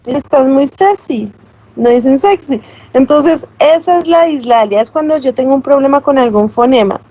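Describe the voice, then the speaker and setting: High-voiced woman teaching class. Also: normal speed, warm tone. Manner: explanatory, checks with tag questions. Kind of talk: online class lecture. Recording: slightly dull, lo-fi sound.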